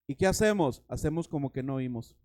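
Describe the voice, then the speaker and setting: A man's voice: mid-range voice, expressive, a little fast, a little mellow. A man preaching a sermon as pastor, dramatic, acting out voices and stories.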